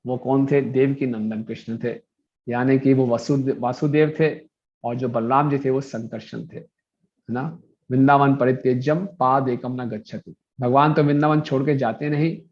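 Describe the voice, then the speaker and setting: A man's voice: medium pitch, darkish tone, lo-fi sound. A male preacher telling a devotional story, acting out the characters' dialogue as he goes.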